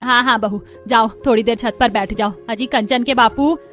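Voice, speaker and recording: A woman's voice: on the high side, steady tone, moderate pace, a bit bright, faint music behind, natural voice. A woman voicing a caring but stern middle-aged mother-in-law in a cartoon story. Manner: firm, motherly. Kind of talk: cartoon voice acting.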